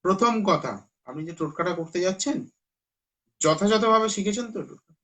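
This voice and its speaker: Earnest Bengali astrologer, higher-pitched man. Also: brisk, fairly bright tone. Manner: earnest, lecturing, urging viewers. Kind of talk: live stream talk to viewers.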